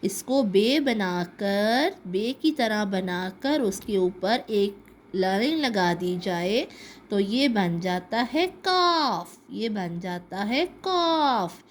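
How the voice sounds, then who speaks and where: A woman teaching a children's alphabet lesson, drawing out letter sounds slowly and asking questions she answers herself. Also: mid-range voice, lively intonation, slight background noise. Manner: slow, drawn-out repetition of letter sounds.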